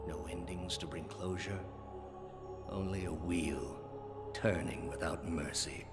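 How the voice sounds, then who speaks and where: An actor playing a weary, ancient immortal villain in a video game, a grave and unyielding orator serving the gods. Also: male voice, deep voice, heavily acted. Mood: weary, resolute. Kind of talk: dramatic game voice acting.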